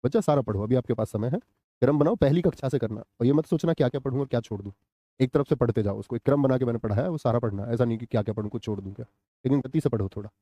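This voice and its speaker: A man's voice: mid-range voice, racing, dark tone, no room sound. A man teaching a live online Hindi grammar class, asking questions, answering them himself and replying to chat comments. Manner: quizzes students, answers his own questions.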